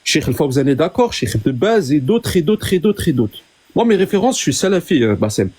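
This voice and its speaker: A man with a fairly high, mellow and husky voice speaks as a guest in a casual live debate. He explains insistently, often doubling back on his words. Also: big pitch swings, fairly quick.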